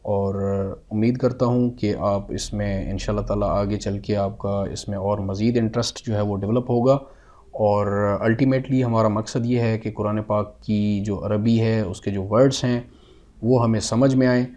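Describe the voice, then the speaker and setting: Low, mellow-voiced man teaching Arabic slowly. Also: fairly even intonation. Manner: slow drawn-out Arabic words with Urdu glosses; frequent "aa" fillers, mixes in English words. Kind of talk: beginner language lesson.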